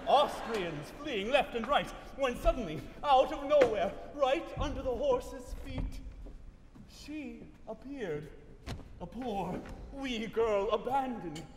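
A man playing a fatherly old army sergeant in spoken opera dialogue on stage, a warm, teasing storyteller who turns blustery when alarmed. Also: sits high, background noise. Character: gruff fatherly older army sergeant, doting and protective. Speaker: opera singer-actor. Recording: echoey hall from off-mic, with music.

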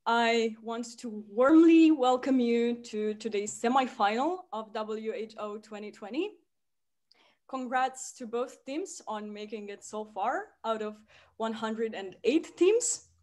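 A woman from Romania chairing a debate on a video call, friendly and measured, with some fillers. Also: a little high, darkish tone. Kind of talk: formal introductions over video call.

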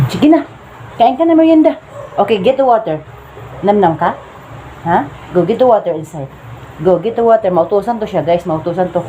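A woman's voice: medium pitch, expressive, moderate pace, long pauses, mellow, slight background noise. A young Filipino woman with a Filipino accent, casually vlogging at home, switching between playful baby talk to her son and chatty asides to viewers, often laughing. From Philippines. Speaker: vlogger and mother. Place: home living room.

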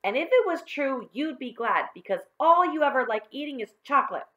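A woman's voice: sits high, animated, a little fast, pushed and bright, muffled recording, voice pushed up. A woman voicing a bossy, scornful young schoolgirl in a children's storybook, speaking dismissively. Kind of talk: children's storybook read-aloud.

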